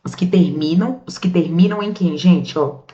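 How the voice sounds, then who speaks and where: A Brazilian woman teaching a grammar lesson in a chatty, lively way, drawing out the words she stresses. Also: fairly low pitch, normal speed. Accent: Brazilian Portuguese. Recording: muffled, echoey room.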